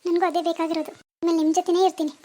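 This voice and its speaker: A woman's voice: extremely high pitch, little pitch movement, racing, mellow. A woman voicing a tender, protective ghost elder sister who reassures earnestly and repeats her words.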